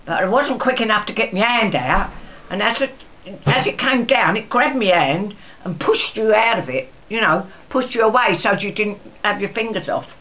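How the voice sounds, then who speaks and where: Recalling her wartime years for an interviewer, a ninety-eight-year-old woman rambles chattily and acts out pieces of conversation. She sounds animated and a bit bright in a mid-range voice at normal speed, on a rough recording with busy chatter around her.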